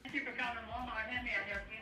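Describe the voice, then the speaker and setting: A woman's voice: a little high, steady tone, racing, sharp tone, far from the mic. A woman working in a store, answering a customer service call, heard over a phone speaker. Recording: echoey speakerphone played into room.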